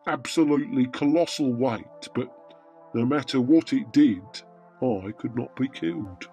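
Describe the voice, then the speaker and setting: A man playing an immortal Father Christmas in a radio drama, measured, weary and matter-of-fact in a wry, deadpan way. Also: mid-range voice, soft background music, lightly acted. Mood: calm, avuncular. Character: Father Christmas, immortal, wryly matter-of-fact male gift-giving saint. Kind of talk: radio drama dialogue in comic pantomime.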